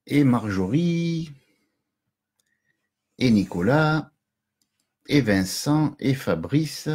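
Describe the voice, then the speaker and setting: A man's voice: mid-range voice, a little mellow. A middle-aged man hosting a casual live stream from home, chatty and jokey, greeting viewers and chuckling often.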